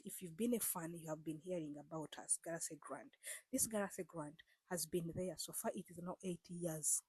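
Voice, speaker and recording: A woman vlogger addresses her viewers directly in a casual, earnest explainer, repeating herself and coaxing them with frequent fillers. Her voice is lowish, a little mellow and slightly rough, and the recording is rough but has no echo.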